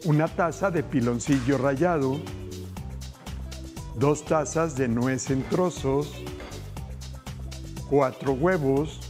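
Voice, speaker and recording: Taking it slowly with long pauses, a middle-aged man with a mid-range voice hosts a cooking demonstration on a TV studio kitchen set as music plays in the background. He is enthusiastic, talks directly to viewers, and cheerfully explains a recipe.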